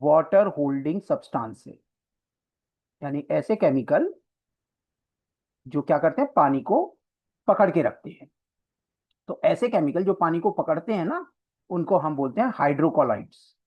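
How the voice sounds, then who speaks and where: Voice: mid-range voice, expressive, unhurried, long pauses. A coaching teacher giving an exam-prep biology lecture in a classroom, explaining step by step and often checking in with the students. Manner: mixes English terms into Hindi explanation. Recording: slightly dull lo-fi lecture recording.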